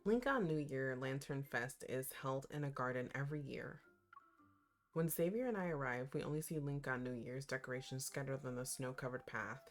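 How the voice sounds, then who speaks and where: An expressive, playful woman doing casual, slangy reaction commentary and reading game text aloud. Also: extremely low pitch, moderate pace, soft background music. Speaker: reaction host.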